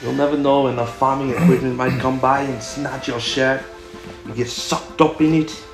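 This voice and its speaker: A man putting on a deliberately bad, overdone German accent as a joke, in an echoey garage. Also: mid-range voice, fairly even intonation, music in the background, pitched above the performer's own voice, close to an everyday voice. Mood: mock serious. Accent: mock German. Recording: echoey garage with background noise.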